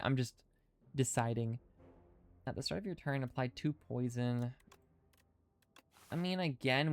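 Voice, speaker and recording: A clear, resonant, medium-pitched man comments casually on a live game stream, thinking aloud about his moves and chatting with viewers while reading their comments. His dental retainers make his speech a little hindered.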